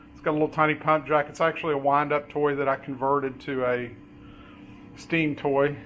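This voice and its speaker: A man giving a casual, unscripted show-and-tell tour as a hobbyist, pointing things out item by item in a halting way. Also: on the high side, a bit bright, a little hiss or hum.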